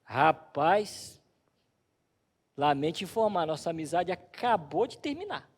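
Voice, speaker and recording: A man's voice: on the high side, sing-song, unhurried, heavily acted. A man voicing a blunt male coworker who hates believers, quoted in a sermon. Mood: indignant.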